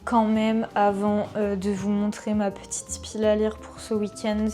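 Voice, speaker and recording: A young woman talks straight to her viewers from her desk at home, chatty and enthusiastic. Her voice sits at an ordinary middle pitch, and her speech is full of little fillers and excited asides. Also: measured pace, faint music behind. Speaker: book vlogger. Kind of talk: casual vlog chat.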